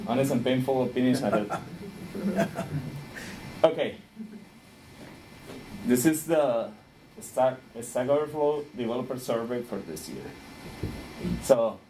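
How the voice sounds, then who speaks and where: A man in his thirties from Rica, speaking English, giving a friendly conference talk with frequent small laughs and pauses while he searches for words. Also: mid-range voice, lively intonation, dark tone, slight background noise, rough recording. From Costa Rica.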